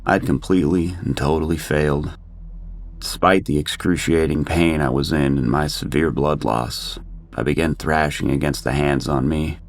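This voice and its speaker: A man narrating a first-person horror story in a steady, grim manner. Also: extremely low pitch, normal speed.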